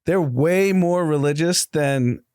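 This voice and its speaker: A man in casual podcast chat, relaxed and laughing as he talks. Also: fairly high pitch, slow pace, smooth.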